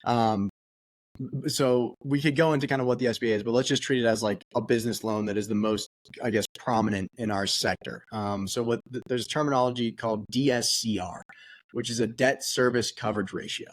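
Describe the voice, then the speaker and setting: A man co-hosting a podcast, explaining things with energy and a lot of casual slang. His voice sits at an ordinary pitch for a man, and the sound is dry and close with no room echo. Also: a little fast. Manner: energetic and slangy, uses many fillers. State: out of breath. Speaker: podcast co-host.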